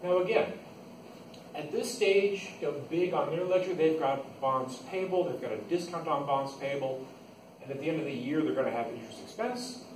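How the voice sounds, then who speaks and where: In an echoey, noisy room captured by a faraway microphone, an accounting instructor delivers a casual lecture, breaking things down step by step and going back over key points. He has a fairly high voice and talks at a normal speed.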